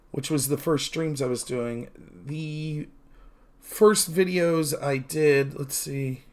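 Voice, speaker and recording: Rambling, self-mocking man in his thirties. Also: medium pitch. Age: 30s. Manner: rambling, candid, self-deprecating, with many fillers. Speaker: streamer. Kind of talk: casual solo stream chat.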